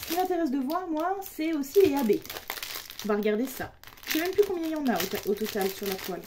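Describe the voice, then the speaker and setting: A woman's voice: sits high, sing-song, quick pace, background noise. A young woman chatting casually through an unboxing, playful and talkative, laughing often and joking around as she goes. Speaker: diamond painting vlogger.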